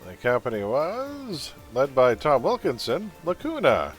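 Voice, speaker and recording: A man's voice: medium pitch, wildly swooping pitch, unhurried, faint music behind. A man hosting a trivia quiz on a livestream, reading questions and making sarcastic jokes between them.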